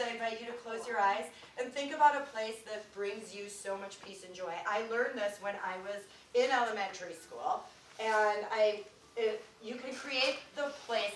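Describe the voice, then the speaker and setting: A woman consultant leading a mindfulness workshop for families, gently guiding breathing and finger exercises and often dropping to a soft, near-whispered voice. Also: on the high side, slight background noise. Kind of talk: guided mindfulness practice for families. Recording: roomy echo, recorded from a distance.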